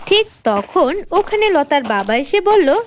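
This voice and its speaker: A woman's voice: extremely high pitch, sing-song, takes it slowly, slight background noise. A woman narrating a cartoon story in a plain storytelling voice.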